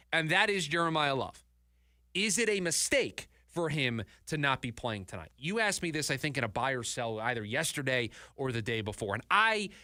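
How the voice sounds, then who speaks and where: Male sports talk host, higher pitch, very lively delivery, dry close studio sound. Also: no echo. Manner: animated, repeats words when emphatic. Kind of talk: sports talk radio chat. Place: radio studio. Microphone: studio mic.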